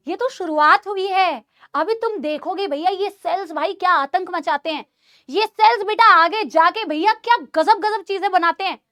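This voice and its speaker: A woman teaching biology in a live online class, animated, quizzing students and calling them beta and bhaiya. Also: very high-pitched, no echo, studio quality. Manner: asks the class many questions. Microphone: studio mic.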